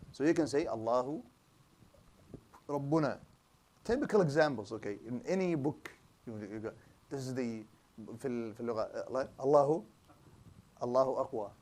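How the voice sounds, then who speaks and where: A slightly mellow, mid-range male voice belongs to an Islamic studies teacher giving a lecture. In a small room with a projector screen, he explains concepts, asks the class rhetorical questions, and keeps restarting his phrasing.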